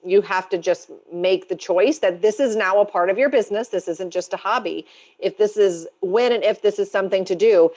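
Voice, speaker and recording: An upbeat woman coaches real estate agents in a webinar and keeps cheering her audience on. She speaks at an ordinary middle pitch. Her voice comes over a video call that sounds dull and lo-fi. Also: normal speed, darkish tone. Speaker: real estate team leader and co-host.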